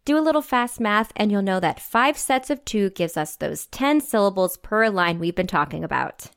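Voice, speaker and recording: A woman co-hosting a podcast, reading a scripted explainer in a clear, measured, teacherly way. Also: mid-range voice, animated, no room sound, clean studio sound. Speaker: podcast co-host.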